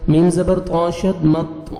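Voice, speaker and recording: A man's voice: a little high, little pitch movement, mellow, faint music behind. Man teaching Quran recitation in an echoey room. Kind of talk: spelling out and reciting verses with tajweed rules.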